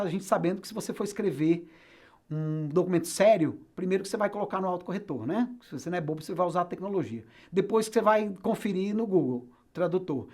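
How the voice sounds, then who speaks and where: A man with a Brazilian Portuguese accent teaching an English grammar lesson, chatty and lively, repeating words to drill pronunciation. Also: sits high. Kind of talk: explanatory classroom lesson.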